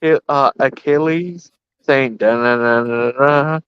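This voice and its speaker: A man in a casual online chat whose call audio keeps breaking up. He talks haltingly with many fillers. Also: mid-range voice, clean tone, no room sound, dull audio. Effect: choppy online call audio that cuts out. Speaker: hangout guest on a live video chat. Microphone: remote video call.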